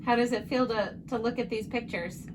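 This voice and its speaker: A woman's voice: on the high side, fairly quick. A woman casually interviewing a relative, asking short questions and echoing back the answers. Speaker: interviewer, granddaughter. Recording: clear background noise.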